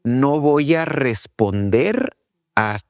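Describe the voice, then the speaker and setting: Man, casual podcast chat, mid-pitched voice, dry close sound. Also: very slow, vocal fry, no room sound. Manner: animated, acts out children's whiny voices. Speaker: podcast co-host, father. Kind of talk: casual faith-based parenting chat.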